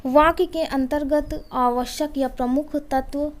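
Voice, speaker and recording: A woman's voice: high voice, fairly even intonation, a little slow. A woman teaching an exam-prep lesson. She reads out each question number and then explains the answer steadily.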